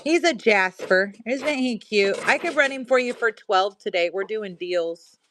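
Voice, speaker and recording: A woman's voice: medium pitch, expressive, a little slow, noisy background. A middle-aged woman with a Missouri accent, casually telling a rambling story while selling items on a livestream. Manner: chatty, rambling, reads viewer comments aloud. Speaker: livestream seller.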